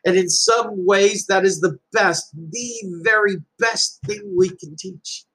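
A man's voice: sits high, slow pace, pushed and bright, low-quality recording. A middle-aged man giving an earnest, emphatic talk, telling a personal story as a parent and repeating key lines for weight. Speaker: speaker addressing a group.

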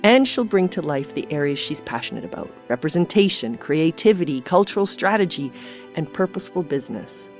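A woman's voice: sits low, lively intonation, fairly quick, soft background music. A woman hosting a podcast, introducing her guest and chatting with her in an enthusiastic, chatty way. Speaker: podcast host. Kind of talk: scripted introduction and interview chat.

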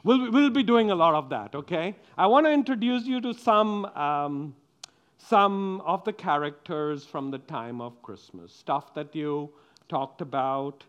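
A man's voice: a little high, expressive, unhurried, clean tone, muffled recording. A man giving a playful children's sermon as pastor, coaxing the kids and the congregation with questions.

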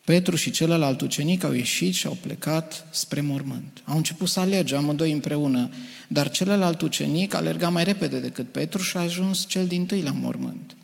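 A man, a preacher, reading scripture aloud to a congregation in a measured, earnest way. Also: on the high side, creaky. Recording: reverberant hall.

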